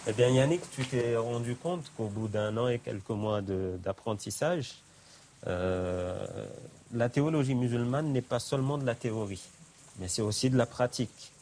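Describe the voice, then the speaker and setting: A man's voice: mid-range voice, moderate pace, darkish tone, a little hiss or hum. A man teaching a class, speaking in a patient, instructive way.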